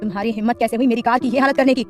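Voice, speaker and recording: A stern, short-tempered young man gives commands, played by a woman storyteller. The voice stays fairly high and the lines come quickly. The story has faint music behind it. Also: fairly even intonation, darkish tone, natural voice. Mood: angry.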